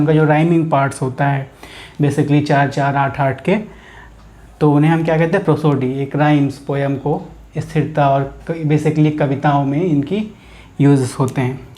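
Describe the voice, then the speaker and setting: A man with a slightly high voice and an Indian accent teaches grammar in a classroom style. He explains each term step by step, posing questions and answering them himself. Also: a little mellow. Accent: Indian English.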